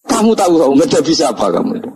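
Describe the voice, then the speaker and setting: A man's voice: on the high side, sing-song, very fast, a little mellow, slightly rough, voice pushed up, exaggerated voice. A man doing a fierce bold holy warrior, raised voice. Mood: boastful. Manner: stern, boastful challenge.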